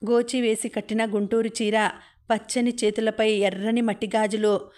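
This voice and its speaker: A woman, reading a novel aloud as an audiobook narrator in a steady, even storytelling manner. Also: a little high, moderate pace. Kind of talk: novel reading with character voices.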